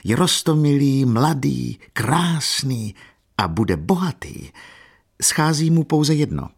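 A man reading an audiobook, voicing a proud, brisk aristocratic older lady who speaks imperiously and emphatically. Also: mid-range voice, lively intonation, gravelly, slightly rough, voice pushed up. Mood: insistent. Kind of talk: audiobook character voice.

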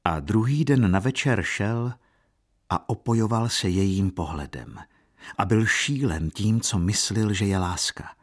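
A man narrating a literary audiobook in a steady, formal storytelling manner. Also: on the low side.

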